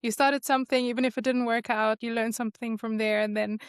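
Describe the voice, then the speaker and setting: A woman's voice: fairly high pitch, level tone, fast talker, smooth, dry recording, studio quality. A woman hosting a podcast interview, asking questions in an enthusiastic, encouraging way. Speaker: podcast host. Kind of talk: conversational interview.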